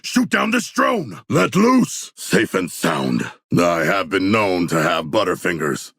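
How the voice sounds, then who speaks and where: An actor playing a huge, noble and bloodthirsty shark warrior in a video game, deep and gravelly, with formal, grandiose diction. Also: male voice, big pitch swings, takes it slowly, fairly bright tone, no room sound, clean studio sound, heavily acted. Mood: bold, booming.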